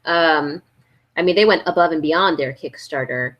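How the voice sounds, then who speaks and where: Chatty woman guest, lower voice. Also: normal speed, fairly bright tone. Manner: chatty, many fillers, laughs easily. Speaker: guest, board game channel host. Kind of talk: casual live-stream interview.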